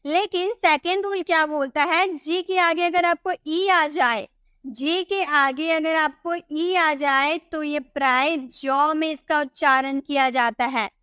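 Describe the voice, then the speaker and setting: A woman teaching English pronunciation in a tutorial, explaining rules patiently, asking rhetorical questions and repeating example words slowly. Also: sits high, sharp tone, no room sound, clean studio sound.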